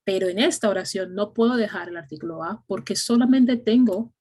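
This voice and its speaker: A woman's voice: medium pitch, brisk, mellow, a little hiss or hum. A woman teaching an English grammar class, explaining patiently step by step and often checking in with "ok?".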